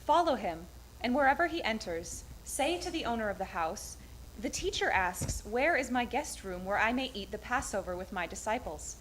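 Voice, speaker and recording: A woman's voice: fairly high pitch, lively intonation, moderate pace. A woman giving a formal reading of scripture at a church service. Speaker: scripture reader at a Good Friday service. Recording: clearly noisy live recording.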